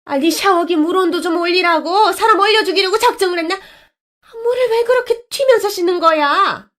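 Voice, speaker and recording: A woman voicing a loud, sneering middle-aged woman who bosses others around and yells. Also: high-pitched, a little slow, pitched above the performer's own voice. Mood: yelling. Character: bossy middle-aged woman bully, gang leader.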